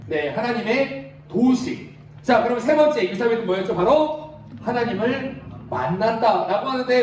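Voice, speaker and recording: A man with a high voice preaches to a youth group, pausing to ask questions and draw the room into answering. He is picked up from a distance in a large, very echoey retreat hall. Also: a little mellow. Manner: asks the crowd questions and leads them in reading aloud. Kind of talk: interactive sermon. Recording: very echoey hall, mic far off.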